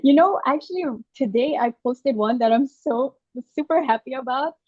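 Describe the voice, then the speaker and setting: A woman's voice: sits high, moderate pace, a little mellow, no echo, lo-fi sound. A woman speaking as an interview guest, explaining things earnestly and repeating key points for emphasis. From Aruba. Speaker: podcast guest, travel content creator. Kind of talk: conversational interview.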